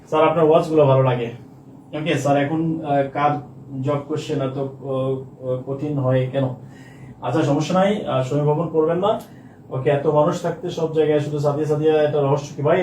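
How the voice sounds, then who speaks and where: High male voice, Bangla teacher repeating words for students, roomy distant mic. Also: a little mellow, slight background noise. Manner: repeats words, drills students, recites romantic verse. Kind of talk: online class lecture.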